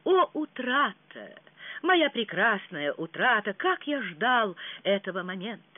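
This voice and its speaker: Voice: medium pitch, big pitch swings, a little slow, no room sound, voice pushed up. A reader voicing a passionate young prince who makes insistent vows of love, in an audiobook. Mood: ardent. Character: ardent young prince, impatient lover. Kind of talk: audiobook reading. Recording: tinny phone-like sound.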